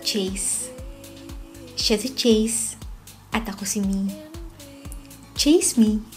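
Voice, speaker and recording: A young woman narrating her own story in first person as the dubber of a comic, expressive and lively in delivery. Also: mid-range voice, slow. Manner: expressive, swings into loud excited shouts. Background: faint background music.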